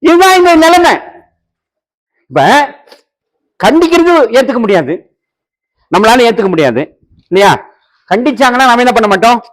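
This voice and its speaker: A man's voice: extremely high pitch, big pitch swings, normal speed, pauses often, a bit bright, low-quality recording. A man preaching a sermon as an evangelist, acting out dialogue and rising to emphatic peaks. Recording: online radio broadcast.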